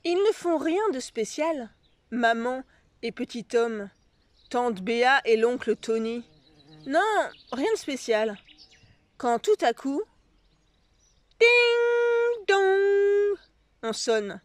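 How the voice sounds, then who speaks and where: Woman slowly reading a picture book. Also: a little high, no echo. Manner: slow, expressive read-aloud. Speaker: storyteller.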